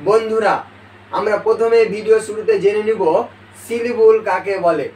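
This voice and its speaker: A man teaching an English pronunciation lesson to video viewers, speaking slowly and deliberately and calling them dear viewers and friends. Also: high voice, fairly even intonation, a little mellow. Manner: slow, deliberate explanation with pauses. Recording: echoey room, far from the mic, faint noise.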